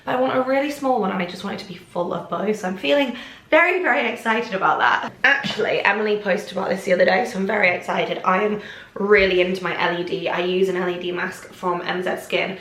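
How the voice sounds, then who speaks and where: In an echoing kitchen, a young Englishwoman vlogs to camera, happily rambling with plenty of asides, "like" and "oh my gosh." Her middle-pitched voice is a bit snuffly, fast and a bit bright.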